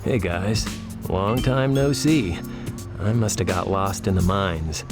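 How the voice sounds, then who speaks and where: A man voicing a gruff, slightly befuddled echidna tough guy in a cartoonish video game, plain-spoken and grumbling. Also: low voice, slow pace. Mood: puzzled, musing. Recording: loud music over the voice.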